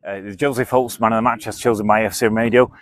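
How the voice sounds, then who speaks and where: Low, dry-voiced radio presenter. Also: male voice, fairly even intonation, fast, dry recording. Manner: casual, uses "like" often. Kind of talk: post-match interview.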